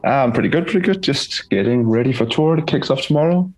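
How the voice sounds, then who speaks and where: A man with a gravelly voice, laid-back and a little hesitant, chatting casually in an interview as a band musician. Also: medium pitch, expressive, fast, a little mellow, low-quality recording. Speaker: touring metal band musician being interviewed.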